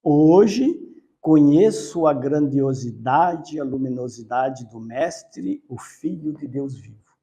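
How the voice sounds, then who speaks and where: A man's voice: a little high, animated, slow pace, gravelly, warm tone, dull audio, full character voice. A man voicing an earnest male apostle who speaks solemnly, told within a spiritist talk. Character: earnest adult male apostle, firm convert.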